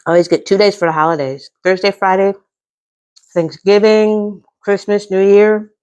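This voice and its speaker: A woman's voice: mid-range voice, fairly even intonation, normal speed, a little mellow, smooth. A middle-aged American woman chatting casually to viewers as she eats, with savoring mms between bites. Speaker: mukbang host. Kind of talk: casual chat to viewers while eating.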